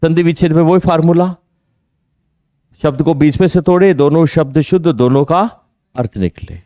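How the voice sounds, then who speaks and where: A man teaching Hindi grammar in an exam coaching lesson, quizzing students on pronunciation and drawing out key words slowly. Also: fairly high pitch, mellow, dry recording, studio quality. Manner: drills pronunciation with repeated questions to students.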